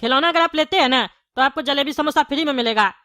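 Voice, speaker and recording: A woman voicing a quick-tempered bald male shopkeeper in a cartoon, full of sales patter. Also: sits high, faint music behind. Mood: salesy. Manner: salesman patter that flips to shouting. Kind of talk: cartoon comedy voice acting.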